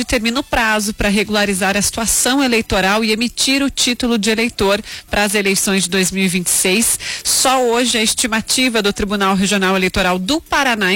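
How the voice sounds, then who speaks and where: Woman, radio news presenter, brisk and informative. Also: mid-range voice, fairly bright tone, dry recording.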